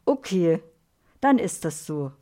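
A woman voicing a calm, fair female carer who speaks gently and soothingly in a storybook. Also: on the low side, takes it slowly. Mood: gentle.

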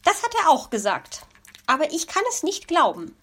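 A woman voicing a nosy, easily outraged female magpie in a children's story, with shrill, dramatic complaining. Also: huge pitch swings, moderate pace, fairly bright tone, heavily acted. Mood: curious, suspicious. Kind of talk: storybook reading.

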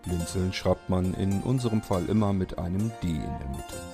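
Male announcer, low voice, scripted outro over faint music. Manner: steady, spells out addresses slowly. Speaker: podcast announcer.

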